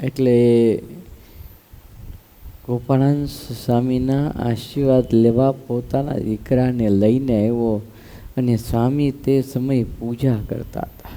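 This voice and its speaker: A man's voice: mid-range voice, steady tone, slow pace, warm tone. A man, a swami, giving a devotional sermon, telling a story with rhetorical questions and acting out the dialogue. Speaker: swami giving a scripture discourse.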